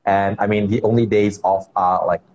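A man chatting casually and a little haltingly as a guest on a remote call. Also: lowish voice, steady tone, darkish tone. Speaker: interview guest, dance teacher. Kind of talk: casual chat. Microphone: remote internet live-stream call. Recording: muffled lo-fi call with noise.

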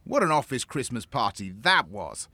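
A man's voice: mid-range voice, big pitch swings, moderate pace, sharp tone, dry recording, pitched below the performer's own voice, exaggerated voice. A man playing a smug, greedy male arms-dealer businessman in a comedy sketch, oily and condescending.

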